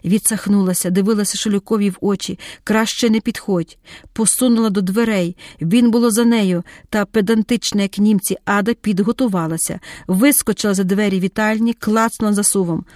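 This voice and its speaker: A woman reading a dramatic audiobook in a measured, vivid storytelling voice. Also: mid-range voice, fairly even intonation, darkish tone, no room sound, clean studio sound. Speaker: audiobook narrator.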